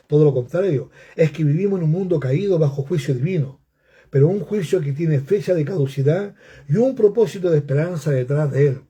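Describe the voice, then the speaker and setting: A man delivering a sermon in an earnest, repetitive way, often asking his listeners to agree. His voice is husky and deeply mellow, sitting a little high for a man. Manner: earnest, repeats phrases, asks the congregation "¿no es cierto?". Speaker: preacher.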